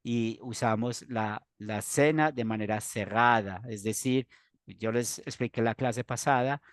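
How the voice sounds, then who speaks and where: A man, a pastor teaching a church doctrine class in an earnest, explanatory way with pauses and restarts. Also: mid-range voice, no echo, clean studio sound.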